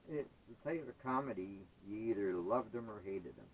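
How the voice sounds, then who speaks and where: A man's voice: on the low side, expressive, moderate pace, slight background noise, low-quality recording. A man, chatting casually and rambling with hesitant fillers while he sorts scrap metal. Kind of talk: casual chat while working.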